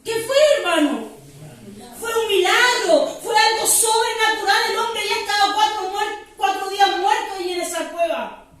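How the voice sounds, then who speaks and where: A woman preaches with fervor at a house church service. She speaks in a very high voice, picked up from a distance in a strongly echoing room. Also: moderate pace, fairly bright tone. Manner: fervent, repeatedly addresses listeners as "hermano". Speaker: preacher giving testimony. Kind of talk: sermon testimony. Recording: echoey room, voice from far off.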